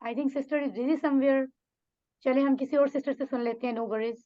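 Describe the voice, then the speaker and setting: A woman with a high voice teaches an Arabic lesson over a video call. She is encouraging and slips English phrases into her Urdu. The audio is a little dull. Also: fairly even intonation, measured pace, mellow. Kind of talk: online class teaching. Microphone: video call mic.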